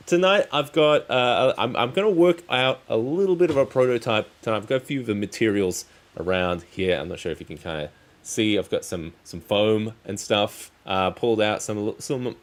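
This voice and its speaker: A man chatting casually on a hobby livestream as its host, rambling in halting, trailing phrases. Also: medium pitch, expressive. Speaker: streamer, crafting channel host. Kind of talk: casual livestream chat while crafting.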